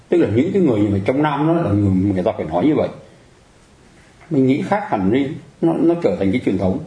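A man's voice: lowish voice, dark tone, roomy sound, rough recording. A man giving a Buddhist dharma talk in a conversational way, often turning to the audience with questions to check they agree. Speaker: Buddhist teacher.

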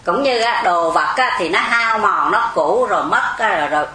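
A woman's voice: medium pitch, animated, moderate pace, bright, forceful tone. A woman gives a Zen dharma talk, explaining patiently and asking the audience rhetorical questions. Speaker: Buddhist Zen teacher. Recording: echoey room, faint background hum.

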